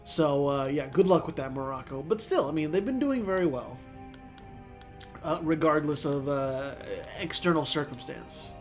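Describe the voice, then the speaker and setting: With faint music in the background, a man with a stuffy nose and sore throat comments on a strategy game at a moderate pace. His voice sits on the high side and sounds animated as he rambles, thinks aloud, and uses lots of fillers in casual let's-play style.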